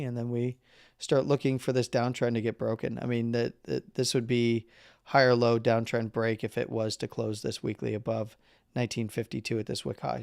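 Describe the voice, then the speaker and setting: Gravelly, hoarse man reading chart levels. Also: medium pitch, a little mellow, dry recording, studio quality. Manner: halting, with fillers and number readouts; clears throat and coughs now and then. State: losing his voice. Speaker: market analysis streamer. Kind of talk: casual live chart commentary.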